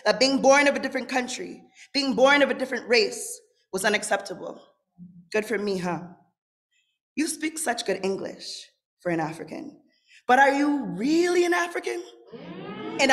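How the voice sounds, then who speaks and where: The featured poet, a young adult woman from Zimbabwe, declaims spoken word with dramatic rhythm and sweeping gestures. She has a high-pitched, raspy, slightly bright voice and speaks into a stand microphone at a lectern, in an indoor room with a brick wall.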